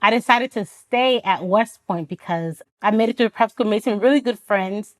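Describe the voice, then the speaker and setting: At medium pitch and a moderate pace, a woman from Florida, United States, tells her own story as a podcast guest. She is an Army officer whose first language is Haitian Creole; her tone is earnest and reflective, and she laughs often while recreating conversations in quoted dialogue.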